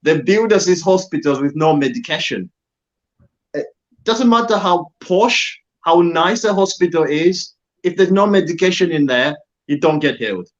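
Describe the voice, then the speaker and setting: A man's voice: on the high side, lively intonation, normal speed, dull audio. A man from Zambia appearing as a guest, making an earnest, emphatic appeal and repeating his key phrases. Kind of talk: political appeal on an online talk show.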